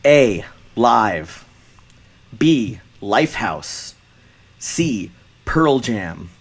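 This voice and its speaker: A man's voice: big pitch swings, very slow, slightly rough. Playful man reading lyrics dramatically. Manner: playful, jokey, reads lyrics in a low dramatic voice. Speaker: podcast co-host. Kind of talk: casual game chat.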